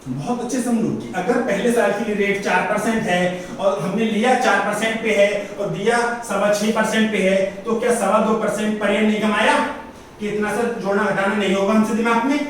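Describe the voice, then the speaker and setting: A male maths teacher with a high voice walks his students through interest sums, asking each question and answering it himself. He sounds distant from the microphone. The room echoes heavily, with a faint hiss behind him. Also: steady tone, fairly quick, a bit bright. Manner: repeats questions back to the class, drilling each step. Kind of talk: classroom maths lesson. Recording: roomy echo, far from the mic, faint hiss.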